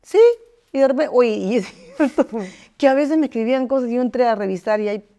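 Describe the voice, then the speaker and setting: A middle-aged woman and singer-songwriter telling personal stories in a candid interview, full of fillers and acting out what others said in higher voices. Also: brisk. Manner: lively storyteller, jumps into high voices to act out quotes, many fillers.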